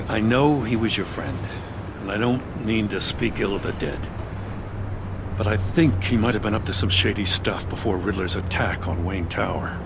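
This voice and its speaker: An actor playing a gruff, world-weary middle-aged police commissioner in a video game, blunt, stubborn and exasperated. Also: male voice, lowish voice, noisy background. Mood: grave, reluctant. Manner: blunt, exasperated, hard-boiled.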